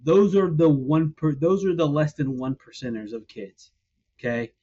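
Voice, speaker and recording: A man's voice: a little high, animated, moderate pace, dark tone, highs cut off. A man hosting a sports podcast, giving his opinions and walking through examples step by step in a casual chat. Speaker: podcast host.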